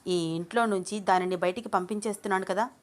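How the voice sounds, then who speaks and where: Shweta is a scheming young woman with a smug, gloating manner. She gives brisk orders to her helper. A woman narrator voices her. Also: medium pitch, steady tone, natural voice.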